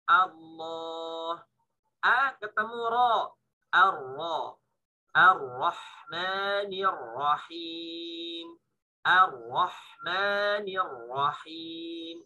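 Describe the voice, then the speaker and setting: An Indonesian man teaches Quran recitation in a bright, ringing voice pitched a little high. He speaks slowly and patiently, stretching out each syllable of the verses he models. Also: poor audio. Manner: slow, patient, drawn-out demonstrations of recitation. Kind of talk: online tajwid lesson.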